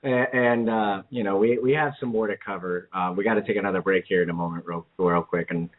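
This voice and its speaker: A man's voice: sits low, steady tone, fairly quick. A man co-hosting a casual political talk radio show, rambling with lots of fillers and restarts. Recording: narrow phone-like audio.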